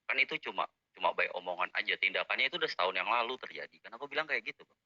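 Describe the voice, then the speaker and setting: Indonesian guy pleading fast in voice chat, bright sharp voice, dry muffled audio. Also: lowish voice, lively intonation, dry recording. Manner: apologetic, pleading, quick, keeps saying "Bang". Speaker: voice chat participant. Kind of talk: defensive argument in a voice chat.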